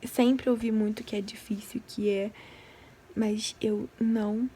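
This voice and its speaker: A woman's voice: mid-range voice, little pitch movement, slow pace, mellow, husky. A young woman from Brazil, an au pair vlogging in an earnest, confiding way. She is emotionally exhausted and prays aloud, repeating herself. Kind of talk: emotional personal vlog.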